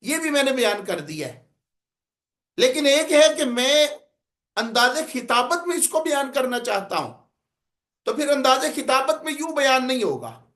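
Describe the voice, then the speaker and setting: A man's voice: extremely high pitch, sing-song, fairly bright tone. A man with a Punjabi-inflected accent teaching a class on public speaking, explaining plainly and then declaiming example lines to show intonation. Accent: Punjabi-inflected Urdu. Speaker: oratory teacher.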